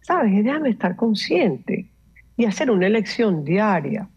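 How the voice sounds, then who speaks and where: A woman, a meditation coach explaining calmly and instructively, mixing in English words. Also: medium pitch, a little slow, husky, lo-fi sound. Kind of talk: explanatory interview talk.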